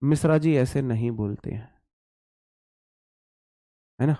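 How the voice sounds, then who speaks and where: Slow, repetitive man teaching English. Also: medium pitch, mellow, no room sound, studio quality. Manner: slow, repetitive, drills words aloud; casual, speaks to students as brothers. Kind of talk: online exam-prep class.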